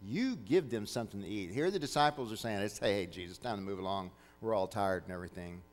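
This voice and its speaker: A man's voice: mid-range voice, long reverb tail. A man preaching a sermon as pastor, earnest and repeating key phrases for emphasis.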